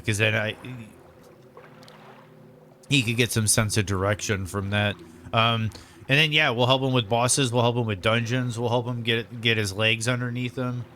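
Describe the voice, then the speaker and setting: A man's voice: mid-range voice, slight background noise. Easygoing male gamer chatting mid-meal. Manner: rambling, relaxed, lots of fillers. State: eating while talking. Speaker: streamer playing a video game. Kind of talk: casual gameplay commentary.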